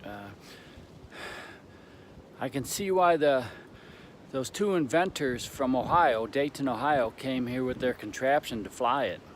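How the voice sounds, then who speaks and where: A man giving a casual, unscripted hiking update outdoors, rambling along with halting pauses. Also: medium pitch. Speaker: hiker vlogger on a long trail. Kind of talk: casual, unscripted trail vlog. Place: outdoors on a mountain trail. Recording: outdoor ambience with clear background noise.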